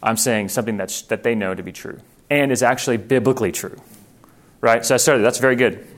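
A man who grew up in Thailand leads a missionary training session in an earnest, conversational way. He often restarts his sentences while he explains his points. His voice sits at an ordinary middle pitch. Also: a little fast. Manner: earnest, informal, self-correcting.

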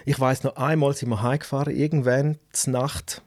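A man's voice: medium pitch, steady tone, moderate pace, darkish tone. A man in his thirties with a Swiss German accent, hosting a podcast with friendly, easygoing questions. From Switzerland. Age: 30s. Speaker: podcast host. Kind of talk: casual podcast interview.

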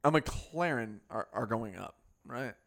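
A man hosts a casual car podcast at a mid pitch, often laughing at himself. He tells his stories with animated asides. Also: a little slow, creaky. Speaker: podcast host.

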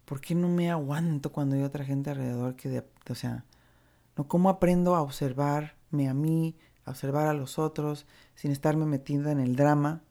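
A woman with a Mexican accent giving a reflective motivational talk on recovery, candid and earthy, mixing gentle encouragement with casual swearing. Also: deep voice, steady tone, normal speed. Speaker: recovery speaker.

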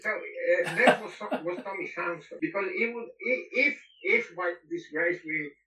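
A man's voice: high voice, measured pace, pushed and bright. A man, a former football goalkeeper and non-native English speaker, reminisces in an interview, emphatic and repeating phrases for weight. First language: not English. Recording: roomy, distant, slightly dull sound.

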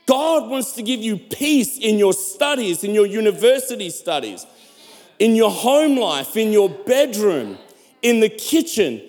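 A man's voice: sits high, very animated, measured pace, a little mellow. A man from South Africa preaching a sermon as pastor, emphatic, repeating and stretching key words and urging his listeners on. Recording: long hall reverb.

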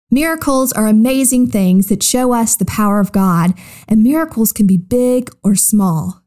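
Gentle woman telling Bible stories to children. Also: fairly high pitch. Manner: gentle, speaks directly to children. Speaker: podcast host and storyteller. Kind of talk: children's Bible story narration.

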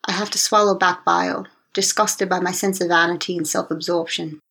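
A woman narrating a fantasy thriller audiobook in the first person, with a measured, steady reading. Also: lowish voice, vocal fry, slightly rough.

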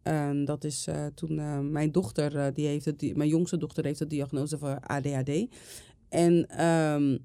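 A mother in casual conversation, calm and affirming, often answering with a short "ja". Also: sits low, moderate pace, smooth, dry recording.

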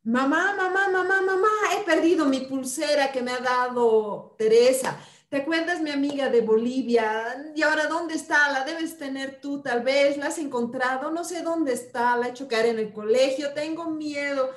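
A woman's voice: high voice, moderate pace, reverberant, close to an everyday voice. A woman playing an anxious young daughter who pleads with her mother and keeps calling "mamá". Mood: anxious pleading.

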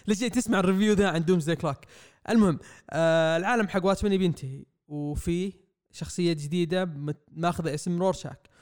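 A young man, rambling excitedly through a comic review on a podcast mic. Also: high-pitched, fast. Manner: excitable, rambling, acts out quotes. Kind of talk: casual podcast review chat. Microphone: podcast microphone.

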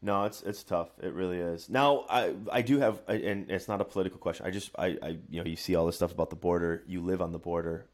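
A man hosts a casual interview in a very low voice. He asks his questions haltingly and often restarts. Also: fairly even intonation. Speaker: podcast host.

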